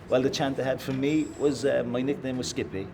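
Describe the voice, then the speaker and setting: A former player recalling a fan chant with quiet amusement. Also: male voice, mid-range voice, fairly even intonation, brisk. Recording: distant, noisy ambience.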